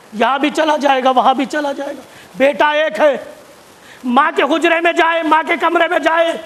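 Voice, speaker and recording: A man preaching a sermon, repeating phrases for emphasis and rising to shouts at key points. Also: very high voice. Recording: long hall reverb.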